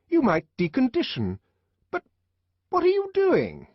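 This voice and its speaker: A stern, prim head nurse with a high, piercing voice, swinging from scolding to bright. She sounds husky and close on a dull, lo-fi audiobook recording. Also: huge pitch swings, dry recording, full character voice. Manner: scolding, brisk.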